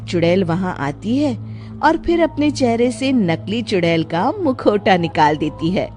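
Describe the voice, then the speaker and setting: Woman storyteller: mid-pitched, expressive narration over soft music. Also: unhurried.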